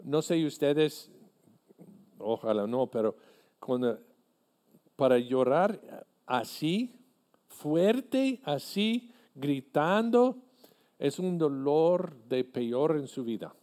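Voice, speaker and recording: Slow, mellow-voiced male preacher. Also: medium pitch. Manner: earnest, deliberate preaching with halting restarts. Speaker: pastor. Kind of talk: sermon.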